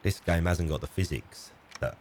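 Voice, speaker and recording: A man's voice: low voice, animated, moderate pace, a little hiss or hum. A man co-hosting a let's play with his wife, joking and teasing in casual chat, still drowsy. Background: game music.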